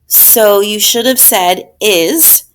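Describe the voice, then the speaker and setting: A woman teacher giving a recorded grammar lesson, explaining slowly and patiently step by step. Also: medium pitch.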